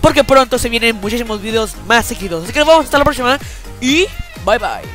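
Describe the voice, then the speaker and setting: A teenage gaming YouTuber on a headset speaks in an extremely high, animated, somewhat bright voice at a quick pace, with soft music behind him. Chatting in slang over his gameplay, he admits to feeling a little unwell and weak and says "chicos" constantly.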